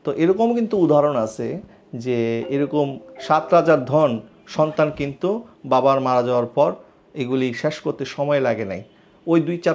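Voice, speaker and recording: A man's voice: a little high, darkish tone. A man preaching an Islamic sermon in an earnest, admonishing way, asking rhetorical questions. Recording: dull lo-fi recording.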